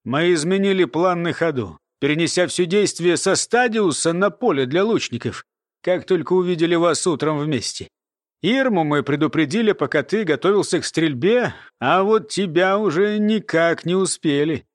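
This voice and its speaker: A man voicing a calm, cunning colonel who talks slowly and matter-of-factly. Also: fairly high pitch, dry recording, studio quality, close to an everyday voice. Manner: unhurried, matter-of-fact.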